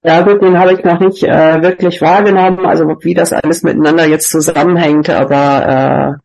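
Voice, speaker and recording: A man's voice: a little high, fairly even intonation, moderate pace, creaky, darkish tone. Man on a scratchy, clipping microphone. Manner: hesitant, seeking agreement with tag questions. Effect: overdriven, scratchy clipping microphone. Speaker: participant in a spiritual group session. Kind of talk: casual online group talk. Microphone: poor computer microphone.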